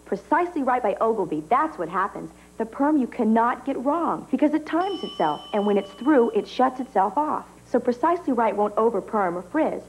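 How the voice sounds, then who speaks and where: An actress playing a self-deprecating perm customer in a TV advertisement, confiding in short, measured phrases. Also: female voice, a little high, expressive, slight background noise, poor audio. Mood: satisfied. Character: self-deprecating woman finally pleased with her perm. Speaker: commercial actor. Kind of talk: scripted TV advertisement testimonial.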